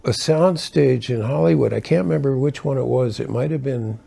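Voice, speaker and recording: Gravelly older man telling road stories. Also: mid-range voice, normal speed, dark tone. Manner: rambling, self-correcting, chuckles between asides. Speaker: keyboard player telling tour stories. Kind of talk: casual anecdotal storytelling.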